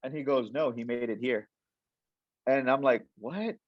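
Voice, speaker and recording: A man's voice: mid-range voice, normal speed, no room sound, dull audio. A young man, a coach and guest, tells a story in casual interview talk, acting out the lines of the people in it and restarting his sentences often. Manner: animated storyteller, acts out quoted dialogue, many restarts.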